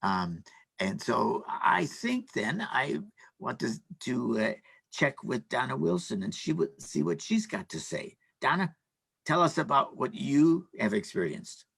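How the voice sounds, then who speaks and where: A man's voice: mid-range voice, very animated, unhurried, creaky, fairly bright tone, slightly rough, dry recording. An older man on a panel, speaking casually and hesitantly, with many fillers and restarts.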